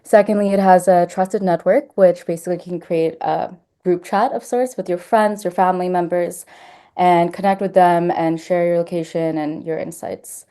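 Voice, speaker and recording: A woman who grew up in Denmark, giving a webinar presentation over a video call in a steady, explanatory way. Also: lowish voice, normal speed. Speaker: startup marketing director presenting.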